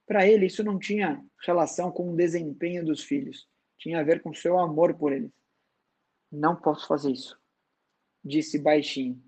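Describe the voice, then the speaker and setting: A man narrating a book in a low, hushed tone. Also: steady tone, fairly quick, few pauses, husky. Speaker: reader.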